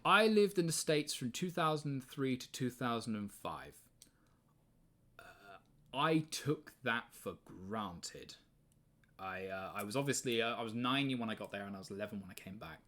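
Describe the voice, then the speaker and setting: A man's voice: fairly low pitch, a bit bright. A man in his twenties with an English accent, hosting a live stream in casual chat, rambling, swearing freely and laughing often. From England. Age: 20s.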